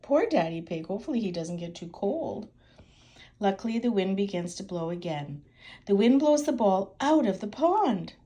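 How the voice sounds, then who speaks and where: An elderly woman with a grandmotherly storytelling style reads a picture book aloud. Her pitch is ordinary for a woman, and she speaks expressively, straight to small children, adding chatty little asides. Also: moderate pace. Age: older. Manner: expressive, talking directly to young children.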